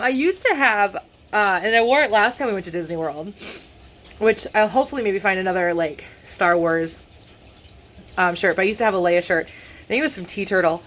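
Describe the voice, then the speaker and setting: A woman's voice: mid-range voice, fairly bright tone, a little hiss or hum. A congested woman talking casually to her vlog camera, rambling with dry sarcastic asides. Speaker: vlogger.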